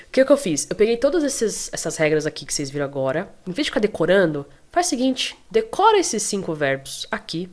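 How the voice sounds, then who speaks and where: A woman with a Brazilian accent teaching an online lesson, explaining step by step and often checking in with her students. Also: on the low side. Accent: Brazilian Portuguese. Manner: explains slowly, spelling out letters and checking in with "tá?" and "né?". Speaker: English teacher.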